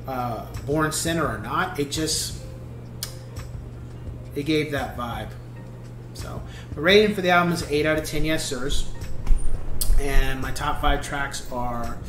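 A man in his thirties giving a casual album review from a seated spot at home, talking in a halting, thoughtful way with many restarts. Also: mid-range voice, roomy sound. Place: small home room, seated indoors.

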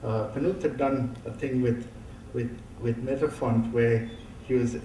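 A man speaks into a lectern mic in a large auditorium, his voice mellow and soft-edged. He reminisces in a halting way, with many fillers and restarts. The sound is roomy and distant, picked up from far across the hall, with faint background hiss. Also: medium pitch, steady tone. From India. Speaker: keynote speaker. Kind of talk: conference keynote talk. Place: large dark auditorium stage. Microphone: lectern microphone, heard from far off.

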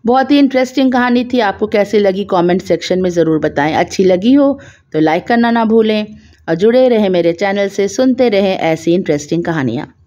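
A woman's voice: mid-range voice, brisk. Woman retelling a mystery, slightly muffled. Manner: relaxed retelling with explanatory asides. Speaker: storyteller. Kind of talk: conversational story summary.

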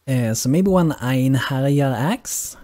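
A man's voice: mid-range voice, lively intonation, slow, dark tone. A man giving casual live gameplay commentary as a streamer, rambling and repeating words for emphasis. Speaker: game streamer.

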